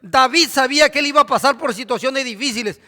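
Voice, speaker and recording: Male pastor, high bright voice, preaching in a church, long hall reverb. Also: fast talker. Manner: preaching, asks the congregation questions. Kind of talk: sermon.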